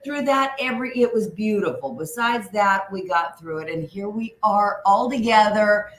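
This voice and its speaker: A woman's voice: mid-range voice, moderate pace, a bit bright. A woman co-hosting a podcast, reminiscing in a chatty, casual way. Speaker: podcast co-host. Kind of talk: casual chat. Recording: echoey room, faint background noise.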